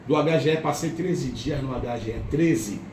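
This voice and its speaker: A man's voice: mid-range voice, unhurried, a little mellow. A man with a Brazilian Portuguese accent giving an impassioned church testimony at a home worship gathering. He repeats phrases for effect and acts out the voices of others. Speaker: lay preacher giving testimony. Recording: roomy, distant, faint noise.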